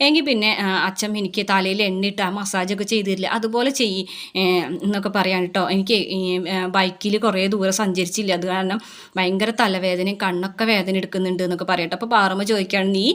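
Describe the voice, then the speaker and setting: A woman talking quickly as she recaps a serial episode. She quotes each character's lines in her own voice, with little change in tone, keeping her storytelling casual and conversational. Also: mid-range voice, steady tone, fairly bright tone. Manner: brisk retelling, quoting characters in a plain voice.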